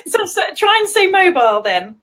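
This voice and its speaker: A chatty English woman hosts a relaxed live-stream conversation, laughing often as she talks. Her voice sits high and swoops lively up and down. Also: normal speed. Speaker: host. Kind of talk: casual live-stream chat.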